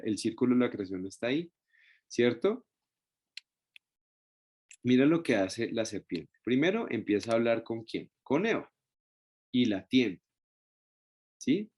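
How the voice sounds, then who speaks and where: A man's voice: mid-range voice, darkish tone. A man teaching a Bible study class, explaining step by step and often checking in with his listeners through short tag questions. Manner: explains step by step with many restarts. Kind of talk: Bible study lesson with a shared screen.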